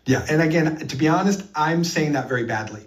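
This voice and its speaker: A man's voice: fairly high pitch, brisk, recorded from a distance. A man being interviewed, recounting his experiences earnestly and with emphasis, with frequent fillers. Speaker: interview guest.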